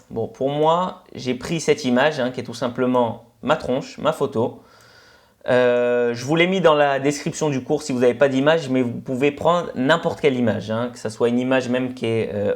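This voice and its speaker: A man with a Senegalese French accent gives a screencast coding lesson, his voice sitting at an ordinary middle pitch. He explains step by step in a relaxed, chatty way, often pausing on "ok" and "euh". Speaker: instructor.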